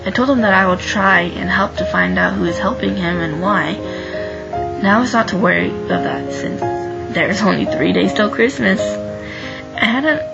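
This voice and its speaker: A woman's voice: medium pitch, normal speed, lo-fi sound. A young woman casually reading her own first-person fan story aloud, chatty, with asides to listeners and many restarts. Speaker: fan fiction reader. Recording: music clearly behind the voice.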